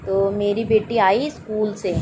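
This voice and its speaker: A woman's voice: medium pitch, level tone, unhurried, noisy background. A woman, a mother, telling a personal story about her daughter in spoken testimony style, voicing both her own lines and her daughter's as she goes.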